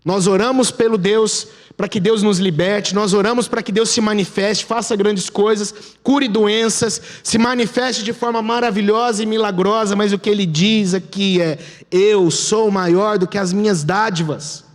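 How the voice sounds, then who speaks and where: A man with a Brazilian Portuguese accent preaching a sermon as pastor, telling the story dramatically and dropping to a hush at key moments. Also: high-pitched, steady tone, normal speed, hardly any pauses. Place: church sanctuary. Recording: long church hall reverb.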